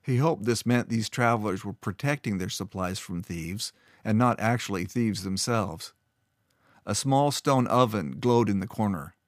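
A man with a lowish voice narrates a fantasy story steadily and with measured delivery. The recording is dry and close, with no room sound.

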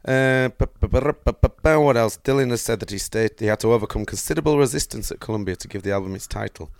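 Co-hosting a casual podcast chat, a man rambles as he reads through his notes aloud, dropping lots of fillers. He talks fast at a medium pitch with vocal fry, and the recording is dry.

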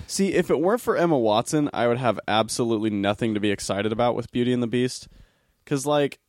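A man's voice: medium pitch, lively intonation, fast talker, a little mellow. Rambling man on a podcast. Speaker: podcast co-host. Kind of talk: casual chat.

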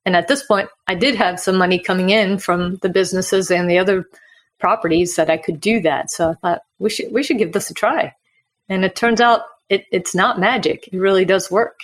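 A real estate investor appearing on a podcast, this woman talks briskly at a medium pitch while casually answering interview questions. Originally from Sweden, she relocated to the US at nine and explains her points conversationally.

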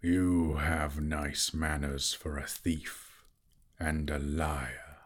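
A man voicing a slow, sly, sneering male dragon in a storybook reading, drawing out each word with mocking menace. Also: extremely low pitch, flat delivery, pitched below the performer's own voice, heavily acted. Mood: suspicious.

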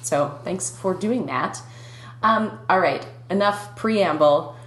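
A woman's voice: on the low side, slow pace, a bit bright, roomy sound. Chatty Minnesotan woman podcast host. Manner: chatty, laughs often. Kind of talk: casual podcast chat.

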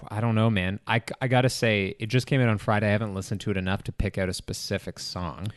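Rambling, profane man with a lowish voice. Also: steady tone, brisk. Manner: rambling, profane, lots of fillers and restarts. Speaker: podcast co-host. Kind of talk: casual chat.

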